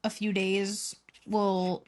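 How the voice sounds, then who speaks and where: Young woman hosting a podcast, rambling along, laughing a lot, mid-pitched voice. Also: level tone, very slow. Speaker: podcast host. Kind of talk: casual chat.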